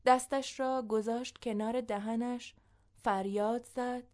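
Woman narrating a story, slightly high. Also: fairly even intonation, a little mellow.

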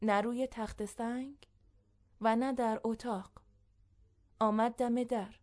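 Woman narrating a story, slightly high. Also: fairly even intonation, darkish tone.

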